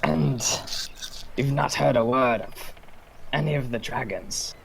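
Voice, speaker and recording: A man puts on a gruff old sailor adventurer in a tabletop game. His piratical talk is slow and gravelly, with faint noise behind it. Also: medium pitch, rough recording. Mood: probing.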